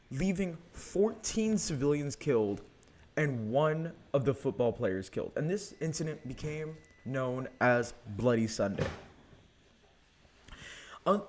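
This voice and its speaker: A man's voice: medium pitch, darkish tone. A young American man hosting a history podcast, telling events in a casual, conversational way with many fillers. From United States.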